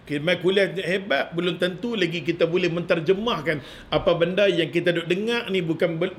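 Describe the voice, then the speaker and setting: Animated northern Malaysian Malay preacher. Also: male voice, on the high side, a little hiss or hum. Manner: animated storytelling, chuckles, rhetorical questions. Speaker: religious teacher. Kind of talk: religious lecture.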